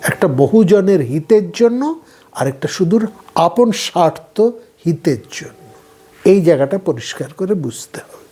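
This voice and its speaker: A man giving a slow, measured philosophy lecture, often trailing off softly at the ends of his phrases. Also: sits high, expressive.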